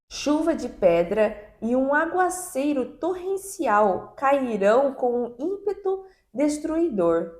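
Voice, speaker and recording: A woman with a Brazilian Portuguese accent, hosting a podcast and reading scripture aloud in a measured, deliberate way. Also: fairly high pitch, darkish tone. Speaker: podcast host and Bible reader. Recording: roomy, echoey sound.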